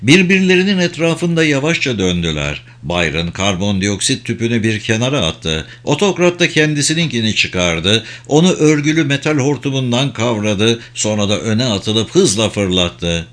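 A man reading a story aloud as an audiobook, in measured, dramatic scripted narration. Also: medium pitch, fairly bright tone.

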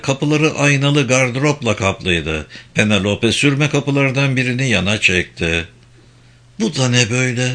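A man reading a novel aloud as an audiobook narrator, in a measured, even storytelling manner. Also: medium pitch. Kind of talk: scripted narration.

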